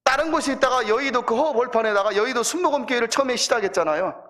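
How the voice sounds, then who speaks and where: Male pastor, high voice, animated sermon storytelling, speaks to the congregation. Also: rapid-fire. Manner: animated, addresses congregation directly. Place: church.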